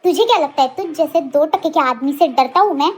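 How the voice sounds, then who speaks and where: A woman's voice: high voice, fast, a little mellow, close to an everyday voice. A woman voicing a hot-headed, jealous young man who threatens and protects in a dramatized story reading. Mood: furious. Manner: threatening, blunt.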